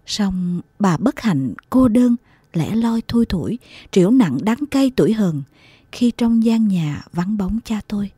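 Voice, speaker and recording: A woman reading a heartfelt story aloud as a narrator, slow and tender in her storytelling. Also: medium pitch, expressive, dark tone, slightly rough, no echo. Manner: slow, tender storytelling with emotional acted quotes. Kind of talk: scripted audiobook narration.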